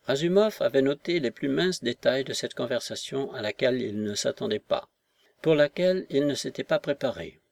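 A man narrating a literary novel as an audiobook, in a measured, even manner. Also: mid-range voice, creaky, dry recording.

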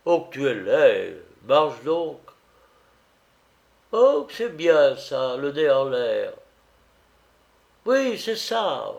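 A man reading aloud voices a playful young female cook in a high, mocking, giggly tone. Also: sing-song, extremely slow, gravelly, long pauses, muffled recording, heavily acted. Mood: teasing.

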